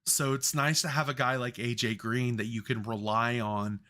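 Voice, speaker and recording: A man with a bright, forceful voice co-hosts a casual sports podcast. He tells worked-up, profanity-laced stories and talks loosely about football. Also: mid-range voice, steady tone, moderate pace. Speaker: podcast co-host.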